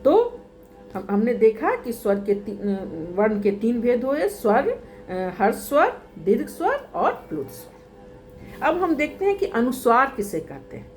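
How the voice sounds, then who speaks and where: A woman teaching a grammar lesson, asking questions and then answering them herself, listing each item slowly. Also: fairly high pitch, very animated, faint music behind. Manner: slow, deliberate, spells items out one by one.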